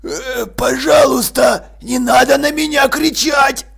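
Scared furry bogeyman monster, whiny, pleads and wails, gravelly high squeal. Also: fairly even intonation, takes it slowly, fairly bright tone, full character voice. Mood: pleading. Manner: panicky pleading, wailing. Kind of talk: audiobook character voice.

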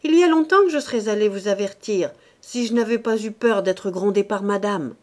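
A woman voicing a bold, outspoken female cook who talks loud and fast. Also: medium pitch, natural voice. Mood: brash. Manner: loud, brash, quick.

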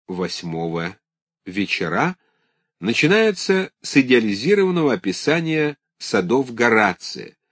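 A man with a lowish voice reads a scholarly text aloud, measured and lecture-like. His intonation rises and falls in a lively way. The sound is close and dry, with no room around it. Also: slightly rough, no room sound. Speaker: audiobook narrator.

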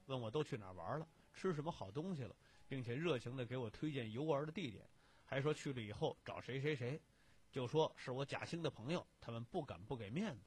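A man reading a first-person short story aloud on the radio, with lively storytelling narration. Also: medium pitch, breathy edge.

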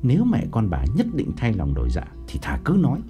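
A man's voice: mid-range voice, huge pitch swings, a little fast, warm tone, faint music behind. A man playing a blunt, stubborn older father who speaks firmly and straightforwardly. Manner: firm, straightforward insisting.

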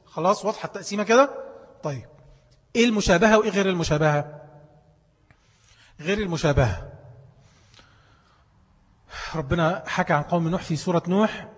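A male teacher with an Egyptian Arabic accent talks fast in a high, husky voice. He keeps quizzing the class and supplying the answers himself. The sound carries a long reverb, as if he is in a big hall. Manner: quizzes listeners, then answers his own questions. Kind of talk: classroom lesson.

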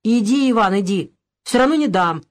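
A woman's voice: mid-range voice, expressive, normal speed, natural voice. A woman voicing a harsh, greedy rich peasant man who speaks curtly and cuttingly, in a storybook reading. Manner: curt, cutting.

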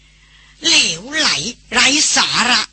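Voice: high-pitched, expressive, brisk, sharp tone, slight background noise, voice pushed up, exaggerated voice. A reader voicing an irritable, skeptical young man who scoffs impatiently. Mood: irritated.

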